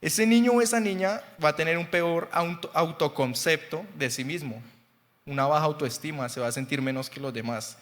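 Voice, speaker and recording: Young Bogotá preacher in his twenties, slightly high voice, chatty testimony sermon, long hall reverb. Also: moderate pace, a bit bright. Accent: Bogotá Colombian Spanish. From Colombia. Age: 20s. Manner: chatty, laughs often, frequent "¿sí?" checks. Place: church sanctuary.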